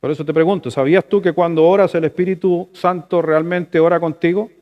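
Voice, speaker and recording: Chilean pastor preaching, lively and conversational. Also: male voice, fairly high pitch, brisk, muffled recording. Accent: Chilean Spanish. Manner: conversational preaching, swings between loud emphatic and soft asides. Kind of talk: sermon.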